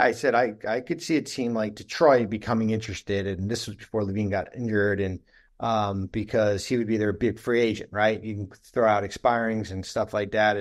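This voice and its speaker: A man co-hosting a webinar, explaining basketball trades in a casual, hesitant way full of ums and rights. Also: on the low side. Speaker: webinar co-host and basketball analyst.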